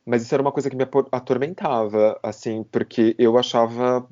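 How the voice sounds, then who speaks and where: A man's voice: mid-range voice, fairly even intonation, brisk, darkish tone. Reflective man in his thirties, dull audio. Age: 30s. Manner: hesitant, repeats words and restarts while thinking aloud. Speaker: podcast host. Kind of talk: reflective casual chat. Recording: slightly dull podcast audio.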